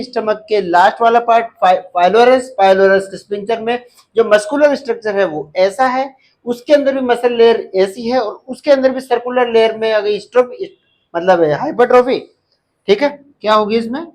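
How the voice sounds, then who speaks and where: The speaker is a nursing exam teacher, a man with a very high-pitched voice and a moderate pace, captured on poor audio. He lectures a live class and keeps asking the students questions while repeating important terms.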